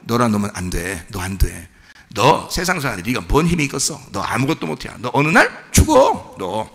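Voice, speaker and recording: A jeering devil , put on by a preacher, spits short belittling jabs in a raised voice that climbs high and then drops low. The voice is bright and gravelly and carries a long echo from the church walls. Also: male voice, huge pitch swings, a little fast, exaggerated voice. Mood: taunting. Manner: sneering, jabbing taunts. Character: taunting male devil, scornful and belittling.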